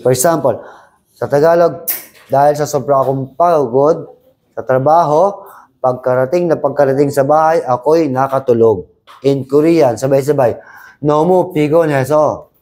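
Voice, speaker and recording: A man's voice: mid-range voice, normal speed, a little mellow. Man teaching a Korean class. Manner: drills class in chorus, switches between Tagalog, English and Korean. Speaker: language teacher. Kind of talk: Korean exam review class.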